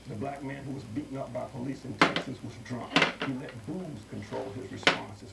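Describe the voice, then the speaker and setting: A man's voice: medium pitch, gravelly, roomy sound, recorded from a distance, very noisy. A man reading a pointed TV news commentary, heard as a broadcast recorded onto an old VHS tape. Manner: measured, pointed editorial delivery. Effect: TV broadcast taped on old VHS. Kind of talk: read commentary.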